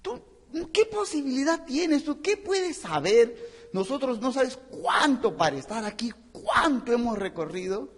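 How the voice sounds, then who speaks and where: A scornful, indignant old executive , as a preacher puts him on, his voice leaping high and swinging wildly as he mocks a newcomer. The sound rings with long hall reverb, a little husky. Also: big pitch swings, a little slow, heavily acted. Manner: indignant, mocking, shouting down. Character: scornful older male company executive.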